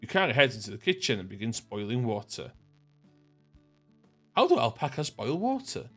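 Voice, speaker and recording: A man's voice: mid-range voice, wildly swooping pitch, moderate pace, a bit bright, faint music behind. A man with a North Wales accent reading a visual novel aloud, mixing in casual, jokey banter. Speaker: gaming video host.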